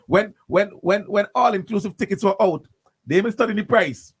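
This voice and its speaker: A man's voice: high-pitched, a little fast, breathy edge, no room sound. A man hosting morning radio talk, ranting animatedly with lots of repeats and restarts in a studio. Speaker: radio host.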